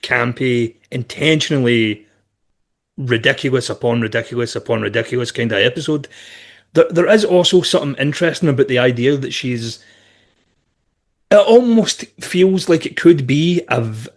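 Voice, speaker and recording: A man co-hosting a podcast, talking in a quick, thoughtful, casual way. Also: mid-range voice, animated. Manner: quick, thoughtful, says "aye". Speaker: podcast co-host. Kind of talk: casual chat.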